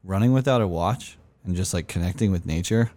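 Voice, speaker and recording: A man's voice: deep voice, a little fast, warm tone. A man hosting a casual podcast chat, talking loosely with fillers and the odd swear word. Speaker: podcast host.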